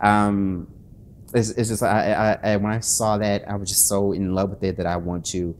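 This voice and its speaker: An author and channel host, up late and unable to sleep, talks casually to his viewers in a lowish, darkish voice with little pitch movement. He's nervous and self-conscious, his speech halting with frequent restarts and fillers, and there's slight background noise.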